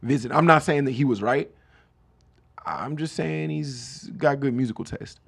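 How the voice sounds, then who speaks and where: Gravelly comedic podcast host, man. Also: medium pitch, moderate pace. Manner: animated, riffing, mock-voices quoted lines. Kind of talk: comedic solo podcast chat.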